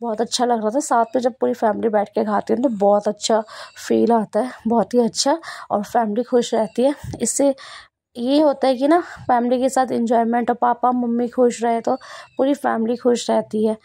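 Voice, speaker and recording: A woman's voice: fairly high pitch, fairly even intonation, moderate pace, gravelly, dark tone, no echo. A young woman narrating her family vlog in a chatty way, often laughing as she talks. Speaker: vlogger. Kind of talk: casual vlog voice-over narration.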